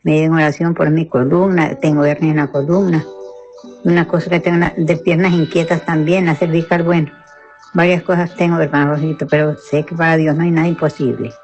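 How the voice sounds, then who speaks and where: An older woman's phone voice message, played back on air over faint music. She speaks in a flat, even tone, slow and pleading, and sounds weary and unwell. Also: deep voice. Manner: slow, pleading, rambling prayer requests. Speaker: radio listener sending a voice message.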